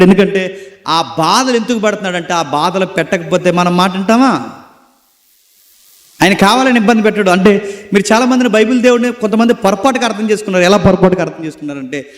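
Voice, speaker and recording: A man preaching a sermon, telling lively stories and putting questions to the congregation. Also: high-pitched. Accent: Telugu. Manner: animated storytelling with questions to the congregation. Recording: echoey hall reverb.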